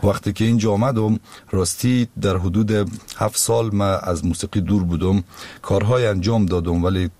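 A man's voice: lowish voice, steady tone, mellow, dry recording. A male singer with an Afghan Dari accent, talking reflectively in a casual interview.

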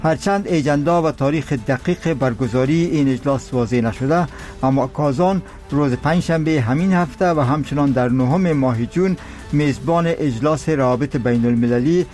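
A male newsreader with an Afghan accent presents a radio bulletin. His delivery is formal and measured, at a middling pitch, with music behind him. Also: darkish tone.

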